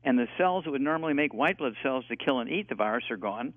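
A man of eighty, a guest health expert on a call-in radio talk show, rambling and halting with many fillers over a tinny phone line. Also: mid-range voice, lively intonation, no room sound. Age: 80s.

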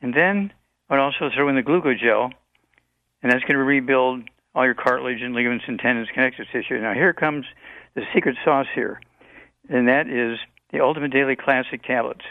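Man, 80s, radio health expert, rambling, gravelly, tinny phone-line sound. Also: medium pitch, no room sound. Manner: rambling, halting with many fillers. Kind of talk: call-in radio advice.

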